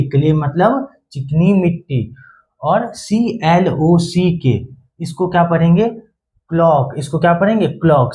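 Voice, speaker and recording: Male teacher with a Hindi accent and a somewhat high voice, drilling phonics by asking and answering, faint hiss behind. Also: darkish tone. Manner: repeats questions and answers himself. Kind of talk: phonics lesson.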